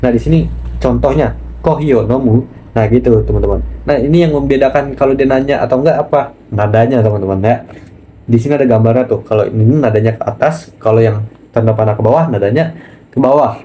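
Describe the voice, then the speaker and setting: A man teaching a casual online language lesson, chatty and relaxed, often pausing on fillers and speaking to viewers as friends. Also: mid-range voice, slight background noise. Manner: chatty, keeps saying "nah" and addressing viewers as friends.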